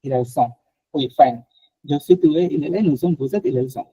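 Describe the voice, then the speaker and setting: A man's voice: mid-range voice, slow pace, warm tone, slightly rough, dry recording, lo-fi sound. A man from Bangladesh teaching a French class online, explaining patiently and mixing in English phrases.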